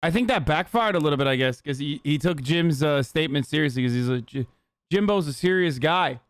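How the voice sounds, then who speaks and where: A man's voice: fairly high pitch, quick pace, dry recording. A man streaming, giving casual, joking reaction commentary with rambling asides on a close mic.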